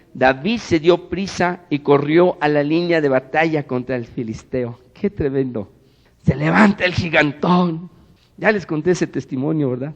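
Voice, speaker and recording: A male pastor with a Mexican Spanish accent, preaching and telling a personal story, swinging from loud to hushed. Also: a little high, lo-fi sound. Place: church. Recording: church hall with long reverb.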